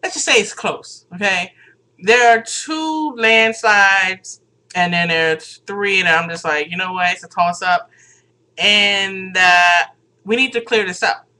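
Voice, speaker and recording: Woman, casual vlog, sassy, rambling, laughs a lot, mid pitch, bright tone. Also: takes it slowly. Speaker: vlogger.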